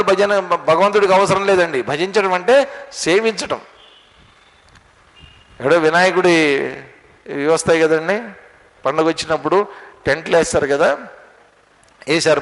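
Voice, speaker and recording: A spiritual teacher giving a religious discourse, telling stories and asking rhetorical questions. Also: male voice, a little high, a bit bright. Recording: long hall reverb.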